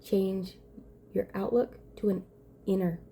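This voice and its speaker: A woman's voice: medium pitch, level tone, takes it slowly, warm tone, a little hiss or hum. A woman giving an earnest, emphatic self-help monologue, often repeating phrases and restarting her sentences. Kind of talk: motivational monologue to camera.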